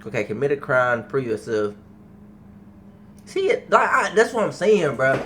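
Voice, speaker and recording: A man's voice: medium pitch, sing-song, a little slow, fairly bright tone, slight background noise. A young man hosting a reaction video, talking casually with profanity and repeating himself.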